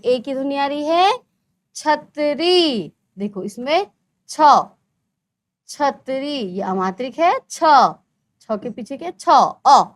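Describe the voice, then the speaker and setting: A primary school teacher with a high voice leads a first-grade language lesson, drawing out single words slowly in a sing-song way for young children.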